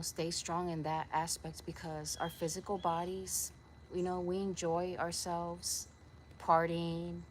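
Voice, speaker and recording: Out in the backyard, a young vlogger from Puerto Rico talks casually toward a camera close by. Her voice is on the low side, a little hiss or hum runs under it, and her rambling comes across as sincere and somewhat preachy.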